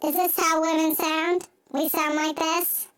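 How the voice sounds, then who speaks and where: A woman podcast host speaking through a high-pitched chipmunk voice filter, swearing freely in loose, joking chat. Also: little pitch movement, a little slow, fairly bright tone. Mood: amused. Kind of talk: casual solo podcast chat.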